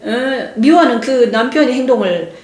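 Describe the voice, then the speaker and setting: An older woman pastor giving a testimony sermon, speaking slowly and haltingly with many restarts and pauses. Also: fairly high pitch, animated, a little mellow. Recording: echoey room.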